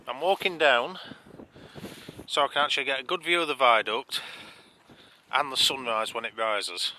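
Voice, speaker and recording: A British man narrating a casual outdoor photography vlog from a high, windy roadside, with wind on the microphone. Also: sharp tone, poor audio. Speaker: landscape photographer and vlogger. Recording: wind noise on outdoor mic. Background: wind, passing vehicles.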